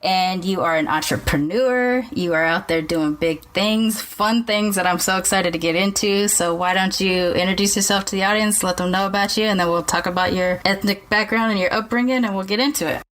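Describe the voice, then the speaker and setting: A woman's voice: mid-range voice, fairly quick, hardly any pauses, a bit bright. A woman hosting a podcast interview, upbeat and enthusiastic, speaking in long run-on sentences. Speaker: podcast host. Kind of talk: casual interview.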